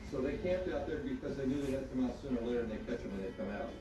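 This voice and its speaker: A man's voice: medium pitch, expressive, rapid-fire. A man guiding a tour group inside a cave, telling its history as a story, his voice ringing with cave echo. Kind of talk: guided tour talk. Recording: echoey cave, voice from far off, music over it.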